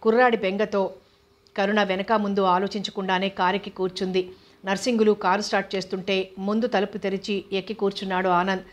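Woman reading a novel aloud, flat and even. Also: medium pitch, fairly quick. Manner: steady, even narration. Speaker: narrator.

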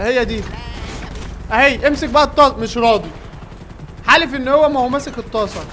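Egyptian-accented male gaming creator, very high bright voice, rapid excitable play-by-play commentary. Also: slight background noise. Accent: Egyptian Arabic. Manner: excitable, yells at game characters. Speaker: gaming YouTuber.

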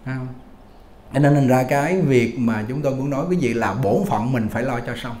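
A Buddhist monk, giving a folksy Dharma talk full of stories and rhetorical questions. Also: male voice, mid-range voice, a little fast, darkish tone, roomy sound. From Vietnam. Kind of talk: Dharma talk to lay followers.

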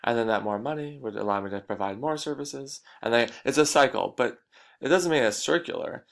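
Gravelly-voiced man explaining a lesson. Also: mid-range voice, expressive, brisk, a bit bright. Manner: explanatory, repeats key points. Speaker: teacher. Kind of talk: recorded lecture.

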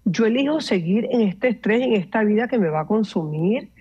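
A woman, a meditation coach explaining calmly and instructively, mixing in English words. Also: mid-range voice, moderate pace, husky, lo-fi sound. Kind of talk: explanatory interview talk.

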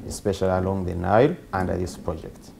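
A man from Uganda in his thirties, a journalist answering interview questions quickly and repeating himself. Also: deep voice, gravelly, over music.

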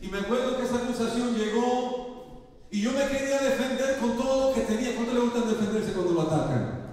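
A man's voice: very high voice, brisk, darkish tone, soft background music. A male pastor preaching a sermon to his congregation, asking them for amens and acting out the voices in his story. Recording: echoey hall, voice from far off.

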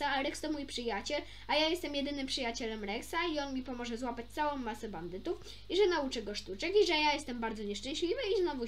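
With slight noise in the background, a young woman with a high-pitched voice reads a children's tale aloud. Her amateur delivery is expressive and relaxed, full of small stumbles, self-corrections and chatty remarks.

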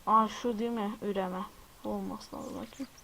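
Speaking at a normal speed with a steady tone, this gaming host has a high voice with vocal fry and a pushed, bright quality. He keeps up casual, jumpy chatter to his viewers and exclaims at every surprise. It's a rough recording with a faint hiss or hum.

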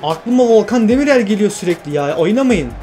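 Excitable man playing a football game. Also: high voice, brisk, soft background music. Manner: exclaiming and repeating phrases. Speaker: gaming YouTuber.

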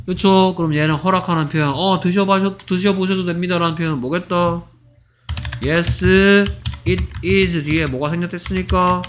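A man teaching English to middle school students, repeating example phrases slowly and acting out short dialogues. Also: a little high, a little hiss or hum. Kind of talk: exam-prep lecture.

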